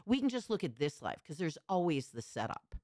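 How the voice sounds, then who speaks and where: A low-pitched woman astrologer hosts the talk, wandering into tangents and correcting herself as she goes. Her voice is recorded close and dry. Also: sing-song, fairly quick, a little mellow, no echo. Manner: digressive, self-correcting, frank. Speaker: astrologer and host. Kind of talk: conversational explanation.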